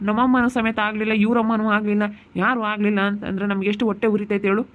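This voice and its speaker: A man's voice: sits high, flat delivery, fast, narrow, tinny audio, natural voice. A man playing an angry young husband who keeps scolding. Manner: heated, repetitive scolding. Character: angry young husband guarding his sick wife. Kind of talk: amateur village family drama.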